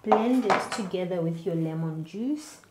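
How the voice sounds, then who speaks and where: Slow, measured woman hosting a cooking show. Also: lowish voice, roomy sound, very noisy. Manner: slow, steady instructional delivery. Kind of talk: cooking demonstration to camera. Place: home kitchen, indoors.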